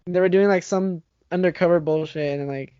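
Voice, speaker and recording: A young man with a somewhat high voice chats casually and profanely about movies, giggling often. The sound is dry and dull, like a cheap home mic. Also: fairly even intonation, fairly quick, clean tone, dry recording. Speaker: podcast co-host. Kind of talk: casual chat.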